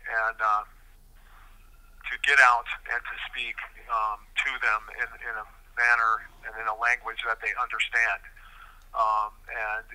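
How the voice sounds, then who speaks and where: A man speaking earnestly over a prison payphone call, measured and deliberate, with frequent hesitations. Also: mid-range voice, pushed and bright, low-quality recording. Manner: measured, deliberate, many fillers. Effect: prison payphone call line. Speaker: incarcerated man interviewed by phone. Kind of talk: earnest interview answers.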